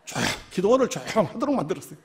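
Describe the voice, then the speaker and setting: A man preaching a revival sermon. He tells lively stories and acts out voices, swinging from shouts to near whispers, and has a slight cold. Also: high voice, racing. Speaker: pastor. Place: church.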